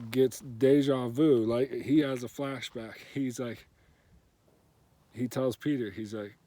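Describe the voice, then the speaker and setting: A man with a mid-range voice gives a casual church devotional, retelling a story in plain everyday language. He sounds relaxed and conversational, with plenty of fillers.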